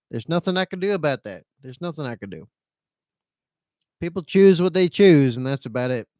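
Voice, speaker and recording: A man's voice: mid-range voice, a little mellow, clear, resonant tone, no room sound. A man hosting a casual live stream, reading out chat comments and rambling repetitively in a self-pitying, resigned, sweary way. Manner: rambling and repetitive, circling back over phrases.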